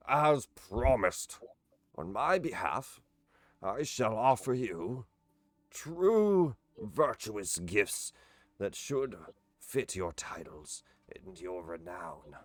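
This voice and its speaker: A man voicing a mad old wizard who speaks in a booming, magically amplified voice, slow and grandly formal. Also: fairly bright tone, no room sound, heavily acted.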